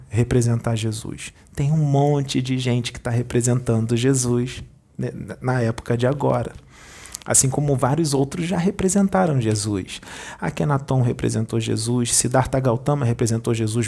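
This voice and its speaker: A spiritual medium, a man, recounting a vision to his audience in an animated, repetitive storytelling manner. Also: mid-range voice, gravelly, slightly rough. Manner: animated storyteller, repeats himself.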